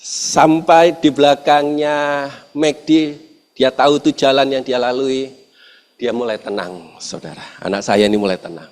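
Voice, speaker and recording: A man preaching a storytelling sermon, speaking to the congregation and moving between lively and hushed delivery. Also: mid-range voice, measured pace. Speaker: pastor. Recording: long hall reverb.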